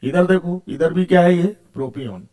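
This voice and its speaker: A male chemistry teacher, speaking in a somewhat high voice. He keeps asking questions and answering them himself, repeating key words as he goes. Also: moderate pace, a little mellow. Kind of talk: video lecture.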